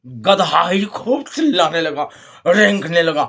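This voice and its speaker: Slow, husky man preaching a fable. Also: a little high, sing-song, pushed and bright. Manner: repeats phrases and asks the audience rhetorical questions; drawn-out, storytelling delivery. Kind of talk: moral sermon told as a folk fable.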